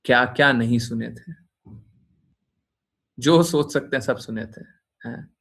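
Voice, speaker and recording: Teasing his followers and circling back to the same phrases, a male spiritual teacher gives a casual devotional talk peppered with "हैं?" tag questions. He speaks a little slowly, with vocal fry and a fairly bright, slightly rough medium-pitched voice.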